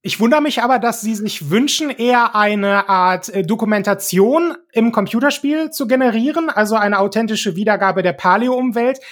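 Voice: mid-range voice, normal speed, hardly any pauses. A podcast guest making a persuasive, argumentative case in casual conversation.

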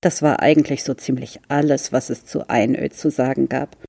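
Low, husky woman reading a children's book. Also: dry recording, clean studio sound. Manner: calm, unhurried storytelling. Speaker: library reader. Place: library.

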